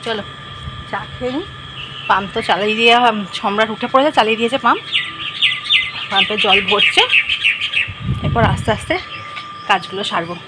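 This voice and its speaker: A woman's voice: mid-range voice, a little fast, long pauses. Chatty woman vlogger, noisy phone audio. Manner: chatty, narrating her morning routine. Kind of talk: casual chat to camera. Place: rooftop and home, outdoors and kitchen.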